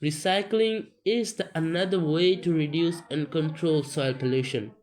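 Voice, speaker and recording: A man reading a textbook aloud for a video, explaining as he goes, halting with restarts and coughing now and then. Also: a little high, darkish tone. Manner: slow, halting, many restarts and fillers. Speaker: self-taught reader on a video channel.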